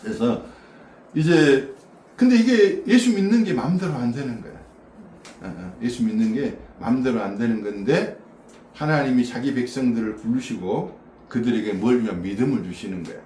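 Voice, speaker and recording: Warm-toned and animated at a normal speed, this mid-range male voice belongs to a pastor giving a relaxed sermon to a few people in a small church room. He's chatty, asks his listeners questions and laughs a lot, recorded from afar with roomy echo and faint noise.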